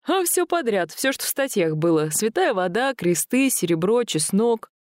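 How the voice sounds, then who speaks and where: A woman's voice: medium pitch, big pitch swings, moderate pace, a little mellow, dry recording, studio quality, voice pushed up, lightly acted. A woman voicing a stubborn, hot-tempered young man who curses when scared. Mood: earnest. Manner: gruff swearing outbursts.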